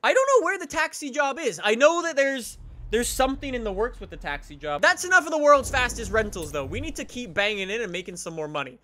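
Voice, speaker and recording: A young man commentating a racing game let's play, excitable and energetic, sometimes breaking into shouts. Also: very high-pitched, fast, slight background noise. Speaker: gaming YouTuber.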